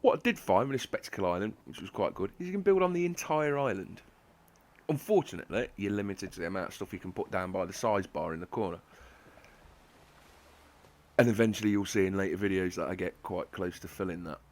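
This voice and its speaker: A man's voice: low voice, animated, a little fast. A man giving gameplay commentary in a sarcastic, self-mocking, rambling way, with a slight lisp from toothache. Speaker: gaming channel host.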